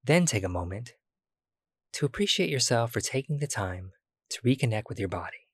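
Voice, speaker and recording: A man guiding a body-scan meditation, speaking slowly and soothingly with long pauses. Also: medium pitch, very animated, breathy edge, no room sound, studio quality. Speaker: meditation guide.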